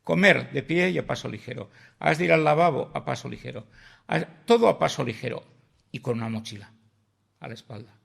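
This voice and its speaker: Gravelly older man telling war stories. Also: medium pitch, lively intonation, a little fast, fairly bright tone. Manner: vivid anecdotal storyteller, acts out dialogue, swears casually. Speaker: guest. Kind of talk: storytelling in a podcast interview.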